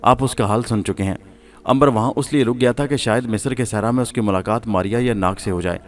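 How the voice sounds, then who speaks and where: Man narrating a suspense story. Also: mid-range voice. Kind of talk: scripted narration of a suspense horror serial.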